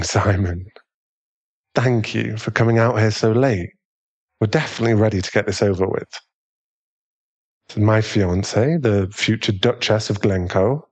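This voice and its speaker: In an ASMR boyfriend roleplay, a man with a lowish voice plays an affectionate, aristocratic British werewolf fiancé. He speaks gently, politely and without hurry.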